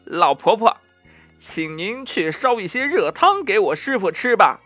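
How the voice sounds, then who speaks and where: A man voicing a bold, eager male monkey hero in a children's storybook, speaking in a brisk, earnest way. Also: high voice, big pitch swings, a bit bright, dry recording, faint music behind, voice pushed up, full character voice.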